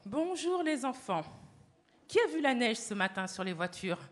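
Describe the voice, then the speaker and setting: A woman telling a story to children at a church service, animated and often asking the children questions. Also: fairly high pitch, moderate pace. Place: church hall.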